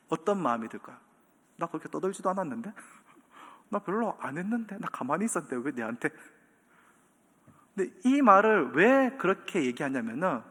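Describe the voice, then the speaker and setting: A man, preaching a sermon as pastor in animated storytelling style, acting out quotes and chuckling. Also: high voice. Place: church sanctuary. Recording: long church hall reverb.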